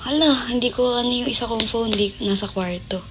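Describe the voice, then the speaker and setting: A woman's voice: fairly high pitch, brisk, background noise. A young woman telling stories on a casual livestream, laughing often and acting out quoted lines in a raised voice. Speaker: idol group member on a livestream.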